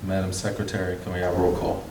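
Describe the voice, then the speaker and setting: A man chairing a municipal council meeting, calling for motions and votes in a brisk, procedural way. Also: low voice, completely flat delivery, darkish tone. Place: council board room. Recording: echoey room, far mic, noisy.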